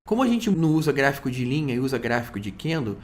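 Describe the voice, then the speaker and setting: A man's voice: mid-range voice, very animated, fast talker. A man teaching day trading in a casual, chatty, storytelling way. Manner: chatty, storytelling, slangy asides. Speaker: trading instructor. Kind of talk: casual video lesson.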